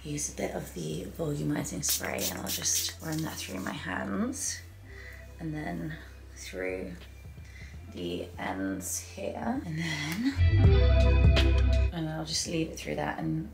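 A woman's voice: sits low, huge pitch swings, slow, long pauses, music in the background, rough recording. A woman talking through her hair routine in a chatty vlog, often dropping into a whisper. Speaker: beauty vlogger. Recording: clear background noise.

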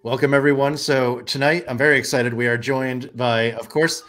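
A man's voice: medium pitch, steady tone, moderate pace, a bit bright. A middle-aged man hosting a video-call interview over a headset, friendly and a little hesitant. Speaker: host. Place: home office.

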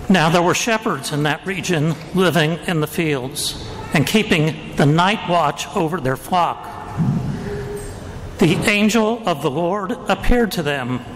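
A man speaking as a priest at a church service, solemn and deliberate, phrase by phrase, with a cathedral echo around his voice. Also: a little high, a bit bright. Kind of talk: liturgical gospel reading and homily preaching. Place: large church with echoing acoustics. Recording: cathedral-like echo, long reverb, background noise.

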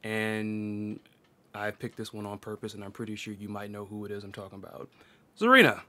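A man's voice: lowish voice, a little fast, sharp tone. A man hosting a casual chat about fighting games, rambling with lots of fillers and laughing often. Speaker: podcast host.

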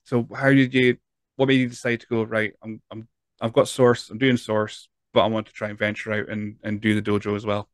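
This podcast host is a Scottish man in his thirties whose voice is on the low side, with little pitch movement and a fairly quick delivery. Recording dry in his home studio on headphones and a large close-up studio mic, he asks long, meandering questions and keeps restarting them in a casual interview chat.

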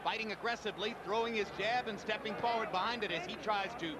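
A man's voice: high voice, fast, very noisy. A man giving articulate, emphatic play-by-play commentary as the lead voice of a boxing broadcast. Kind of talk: sports commentary.

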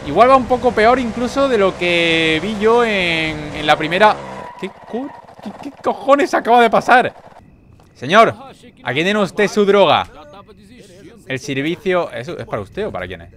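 Young guy from spain narrating his gameplay, jokey, high-ish voice that jumps all over, yells now and then. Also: normal speed, slight background noise. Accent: Spain Spanish. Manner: animated and joking, with sudden loud outbursts. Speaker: gaming video creator. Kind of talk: gameplay commentary.

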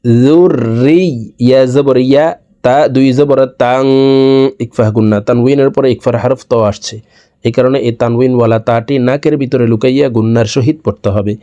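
A man's voice: medium pitch, fairly even intonation, moderate pace, warm tone, highs cut off. A man teaching Quran reading, patiently spelling out each Arabic letter and vowel mark in a Bangladeshi Bengali accent. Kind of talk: spelling-out recitation lesson.

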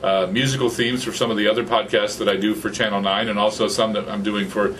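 A podcaster in his fifties talks fast in a lowish voice during a casual interview chat with a guest in a small office full of computers. He's animated, gestures a lot and gets excited, speaking into a studio condenser mic on a stand in front of him; the audio is poor, with slight background noise.

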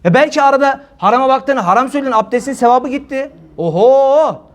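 High-voiced joking male preacher. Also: expressive, fast talker. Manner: joking, storytelling, mimics people, laughs at own jokes. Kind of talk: humorous religious talk to a congregation. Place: mosque or hall with a congregation.

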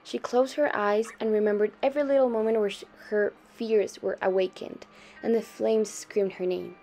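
A young adult woman reading a short story aloud in a steady storytelling manner, softening her voice for quoted lines. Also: medium pitch, normal speed. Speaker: student reader.

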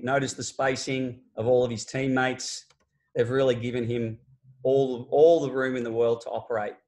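An Australian basketball coach in his 40s, mid-range voice, runs an online coaching clinic from a small home office, talking over game video on a laptop webcam call. He's casual and explanatory, full of ums, fillers and restarts as he walks through plays.

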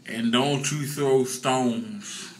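A man's voice: fairly low pitch, noisy background. A very drunk young man on a casual rant, rambling, repeating himself and swearing, recorded on a phone held close in a restroom. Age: young adult. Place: small tiled public restroom. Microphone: phone held close at arm's length.

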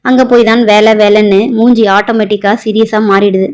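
A woman's voice: medium pitch, fairly even intonation, fairly quick, darkish tone, natural voice. A woman voicing a cheerful young male soldier who teases in a playful, easygoing way. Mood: teasing. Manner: teasing, playful.

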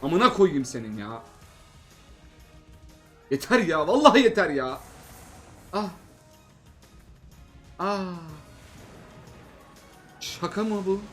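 A man commenting live on a slot game, swearing constantly and swinging between fed-up groaning and excited shouting. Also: high voice, slow pace, long pauses, soft background music. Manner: swears constantly, groans and exclaims at each spin.

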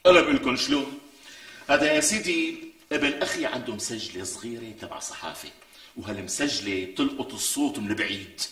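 An actor with a Syrian accent playing a meddling neighbor who animatedly lays out a plan to eavesdrop. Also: male voice, medium pitch, fast talker, recorded from a distance. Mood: conspiratorial. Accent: Syrian Arabic. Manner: animated, conspiratorial. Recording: roomy, off-mic.

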